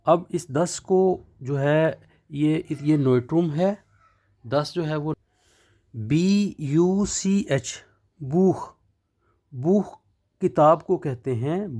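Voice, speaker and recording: A man gives a beginner language lecture. He speaks at an unhurried pace in a mellow, fairly high voice. He spells out each word letter by letter and then pronounces it. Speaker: online German teacher. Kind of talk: slow explanatory lecture.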